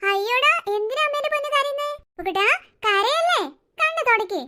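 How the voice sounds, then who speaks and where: A woman's voice: very high-pitched, lively intonation, fairly quick, bright, forceful tone, voice pushed up, full character voice. A woman voicing a fussy cartoon mother of three who scolds and coaxes her children. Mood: coaxing. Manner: scolding, nagging, coaxing. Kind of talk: cartoon voice acting.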